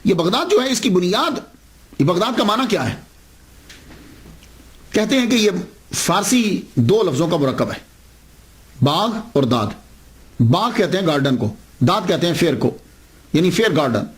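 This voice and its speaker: Male preacher, animated sermon storytelling, fairly high voice. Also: long pauses. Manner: animated storytelling, acting out dialogue with swings of pitch. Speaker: Islamic preacher.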